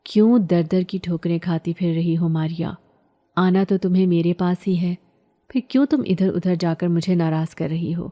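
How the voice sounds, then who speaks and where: A possessive male jinn spirit from a haunted tree, as a woman reader puts him on, staking his claim in a low, insistent tone. The voice stays warm and mellow rather than harsh, a horror storybook figure. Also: natural voice. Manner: claiming, menacing.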